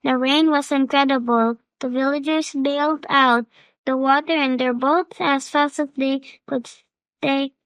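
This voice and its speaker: Woman reading a kids' fable, high voice, super dry close mic. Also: no room sound. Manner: slow, expressive reading. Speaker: storyteller. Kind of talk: storybook reading.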